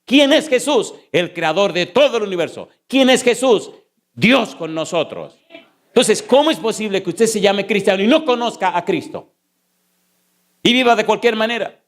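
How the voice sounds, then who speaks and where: Pastor, man, church sermon; emphatic, fires off rhetorical questions, slows for stress, then races. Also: high-pitched, expressive. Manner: shifts between slow stressed phrases and rapid runs. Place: church sanctuary. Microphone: sermon recording.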